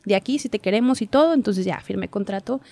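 A young woman, telling her story as a guest in a casual interview, chatty and quick to laugh. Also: mid-range voice, gravelly, a little mellow, no room sound. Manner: chatty storyteller, laughs often, acts out quotes. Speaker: guest, TV reporter.

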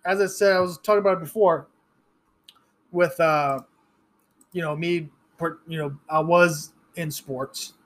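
A man in his thirties hosts a solo podcast in a blunt, profane rant. His voice sits slightly high for a man, and he often restarts his sentences as he pushes his points. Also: fairly even intonation, measured pace, long pauses. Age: 30s. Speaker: podcast host. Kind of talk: ranting solo podcast commentary.

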